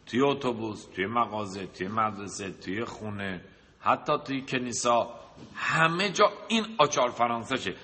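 Male preacher who talks through lists and rhetorical questions, with a forceful bright voice and a long hall echo. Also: lowish voice, animated. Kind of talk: sermon with a told anecdote. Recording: long reverb of a large hall.

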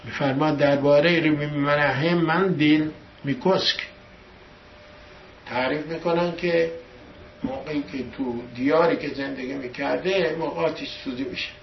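A man's voice: a little high, fairly even intonation, creaky, slight background noise. Preaching man in an echoey room. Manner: emphatic, pushes key words louder. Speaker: religious teacher. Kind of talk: storytelling sermon. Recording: echoey room from a distant dull mic.

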